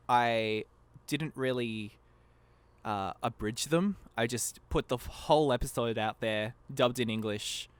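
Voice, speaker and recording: A man with a mid-range voice, recorded dry, talks as a guest in a casual podcast interview. He makes a fan abridged series and tends to ramble in a self-deprecating way, breaking off mid-thought.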